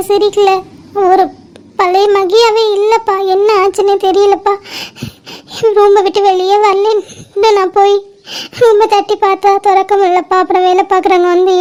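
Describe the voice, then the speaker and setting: This is a grieving middle-aged mother in a cartoon family drama, voiced by a woman. Her voice sits extremely high and barely moves in pitch. She pleads through tears in one long lament. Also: darkish tone.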